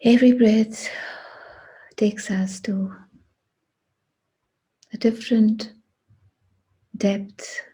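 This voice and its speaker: Speaking hushed and deliberately, a woman leads a meditation with short phrases and long pauses at a very slow pace. Her soft, mellow voice is very breathy and husky, pitched a little high, and her tone stays steady.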